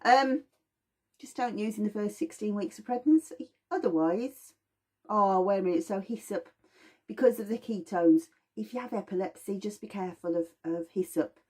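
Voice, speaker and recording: A woman giving a gentle, rambling lesson on aromatherapy. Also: mid-range voice, moderate pace, slightly rough. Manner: gentle, rambling, personifies plants. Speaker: aromatherapy teacher. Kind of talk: informal lesson.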